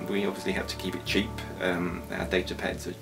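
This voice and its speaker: Ein junger britischer Mann, Mitschöpfer einer Heimserie, erzählt trocken und belehrend von den Dreharbeiten. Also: male voice, deep voice, level tone, a little fast, vocal fry. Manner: wry, lesson-giving. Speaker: co-creator and actor of a home-made series. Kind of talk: casual interview chat. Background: guitar music.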